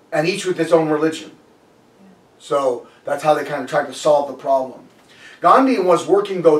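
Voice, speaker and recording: A man giving a conversational sermon, telling a story in a loose way and often restarting his sentences. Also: fairly high pitch. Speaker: preacher. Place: church sanctuary. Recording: echoey room, voice a bit far from the mic.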